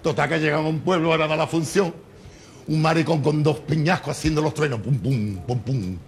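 A male comedian with an Andalusian accent rattles off jokes at a very quick pace in a slightly high voice. His telling is playful and colloquial. The old cassette has clear tape hiss. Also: flat delivery. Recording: hissy 1980 cassette tape.

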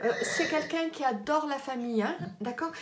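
A woman's voice: high voice, a little fast. A woman working as a medium, reassuring her client in a casual consultation, with many fillers and repeated checks that she is understood. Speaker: medium giving a reading. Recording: echoey room with crowd noise.

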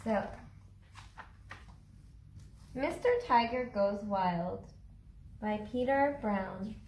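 A thirty-something woman tells a children's story from a picture book inside a little cardboard fort, reading expressively and posing easy questions to her young audience. She speaks at a medium pitch and a slow pace with a darkish tone, in an echoey room with faint hiss or hum.

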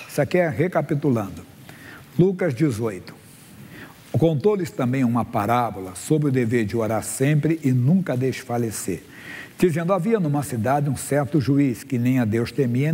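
A man's voice: on the high side, breathy edge. Man in his sixties preaching in a hall. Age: 60s. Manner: preaching with animated Bible readings and questions to the congregation. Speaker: pastor. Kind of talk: sermon. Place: church stage before a congregation. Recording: long hall reverb.

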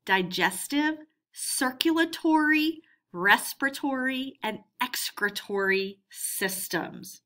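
A female teacher guides schoolchildren through a read-aloud lesson. Her pace is unhurried and her pitch lively and varied, with an instructional delivery aimed right at the pupils.

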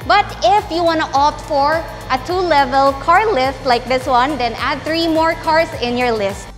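Walking her viewers through the bare rooms of a big, empty townhouse, a young woman from the Philippines pitches the property in an upbeat, salesy way. Her voice sits high and runs a little slow over music, and the empty interior leaves a roomy echo.

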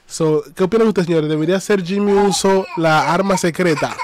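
A man who is a native Spanish speaker, hyping wrestling to viewers like an announcer, emphatic and addressing them as ladies and gentlemen. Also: high voice, fast talker, noisy background. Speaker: wrestling channel host. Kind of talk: Spanish-language wrestling hype talk to viewers.

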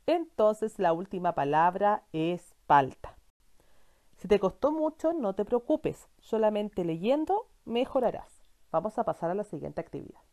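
Slow, patient woman teaching young children. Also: mid-range voice, very animated, a little mellow, muffled recording. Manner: slow, patient, encouraging, asks and answers her own questions. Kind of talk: children's reading lesson.

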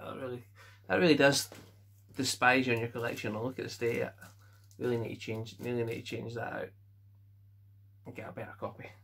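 A Scottish man casually going through his film collection at home, giving offhand quick verdicts and chuckling to himself. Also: medium pitch, creaky, a bit bright, breathy edge. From Scotland. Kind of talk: casual chat.

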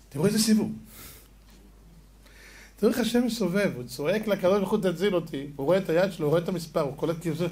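A male rabbi delivering a lesson through stories, his voice sitting fairly high. He talks animatedly, throws rhetorical questions at his listeners and acts out the people he quotes. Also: a little mellow. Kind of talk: storytelling Torah lesson.

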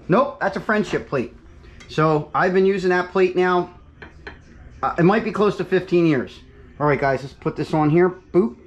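A man's voice: on the high side, muffled recording. A middle-aged man from New Jersey, a fishing vlogger chatting upbeat to his viewers while he cooks. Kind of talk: casual cooking vlog.

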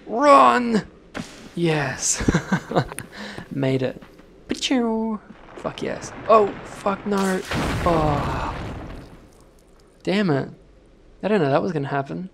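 A man commentating gameplay, swearing constantly and shouting at sudden deaths in a noisy home recording. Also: fairly high pitch, takes it slowly, vocal fry, long pauses. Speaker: let's play gamer.

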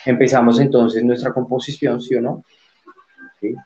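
A man's voice: medium pitch, little pitch movement, normal speed, dark tone, muffled recording. A man teaching an online art class, explaining as he works and checking in with frequent tag questions.

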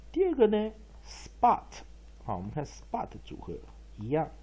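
A man teaching English pronunciation, spelling out letters and repeating words to drill them, often ending phrases with a soft "ha". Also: on the low side, husky. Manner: tags phrases with a soft "ha" particle. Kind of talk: pronunciation lesson.

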